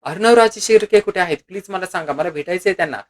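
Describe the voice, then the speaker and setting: A man's voice: on the high side, expressive, a little fast, natural voice. A man voicing a weak, injured older father who pleads desperately. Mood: desperate, pleading.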